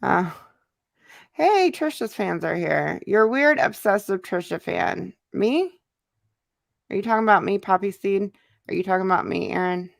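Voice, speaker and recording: With lively intonation and a creaky, mid-range voice at normal speed, the American host talks in loose fragments while answering comments on her casual livestream. She is a YouTuber, and the audio is clean studio sound with no room noise.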